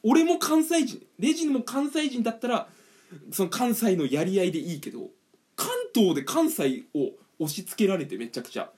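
A man's voice: high-pitched, normal speed. A man from eastern Japan co-hosting a casual chat show, telling a story with lots of energy and acting out other people. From Kanto region of Japan. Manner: animated ranting storyteller, acts out customers. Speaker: podcast co-host.

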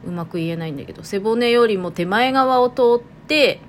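A woman's voice: mid-range voice, animated, a little fast, a little hiss or hum. A woman with a Toyama accent hosting her own internet radio show, casually musing aloud and amused at herself. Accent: Toyama Japanese. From Toyama, Japan. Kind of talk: casual solo talk.

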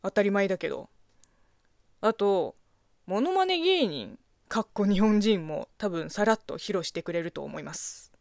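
A woman's voice: medium pitch, very animated, moderate pace, vocal fry, a little mellow, no room sound, clean studio sound. A woman from China, native speaker of Chinese, hosting a radio show; she reads listener mail and comments in a chatty, teasing way. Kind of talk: casual solo radio talk, reading listener mail.

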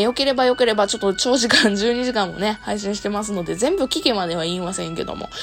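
A woman with a Kansai accent and a hoarse, worn-out voice, chatting casually to listeners as a show host and often laughing. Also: mid-range voice. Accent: Kansai Japanese. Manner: laughs often while talking. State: hoarse, worn voice after long streaming. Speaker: host of an audio talk show and live streamer. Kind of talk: casual solo talk to listeners.

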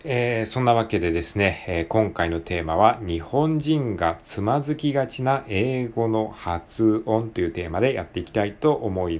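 A man hosting his own podcast, talking alone in a polite, relaxed way with many drawn-out fillers. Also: low-pitched. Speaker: podcast host. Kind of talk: casual solo podcast talk.

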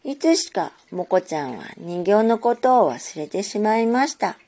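A woman narrating a children's story in a gentle, measured storytelling manner. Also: medium pitch, big pitch swings.

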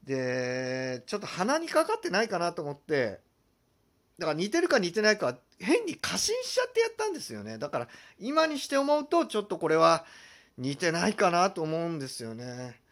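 A man hosting a solo comedy talk show, lively and self-deprecating as he explains his impressions. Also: high voice, moderate pace. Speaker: podcast host.

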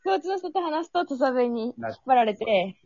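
Guest, Fukuoka woman in her twenties, high voice, earnest, dry dull audio. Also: lively intonation, moderate pace, darkish tone, no room sound, faint music behind. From Fukuoka, Japan. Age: 20s. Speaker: guest university student. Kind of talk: casual chat.

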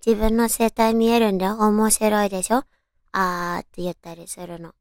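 A young woman with a cute, girlish anime-style voice gone hoarse, hosting a casual solo radio talk in a cutesy, chatty way. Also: mid-range voice, flat delivery, normal speed, no room sound, studio quality. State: hoarse, raspy from overuse.

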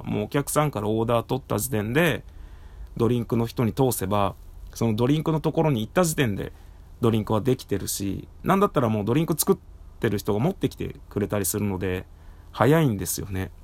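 A man hosts a casual solo talk in a slightly low voice. His throat sounds hoarse and tired. He speaks through a face mask, so the words come out a little muffled. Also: darkish tone. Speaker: podcast host and live streamer. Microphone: recorded through a face mask.

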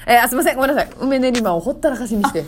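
A woman with a Kansai accent hosting a comedy radio show, chatting with lively banter. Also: high voice, very fast, a little hiss or hum. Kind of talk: casual comedy chat.

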